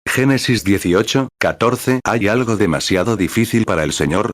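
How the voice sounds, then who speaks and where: A man with a very deep voice reads a translated sermon aloud. His delivery is steady and solemn. The sound is dry and close, with no room echo. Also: normal speed. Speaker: sermon reader.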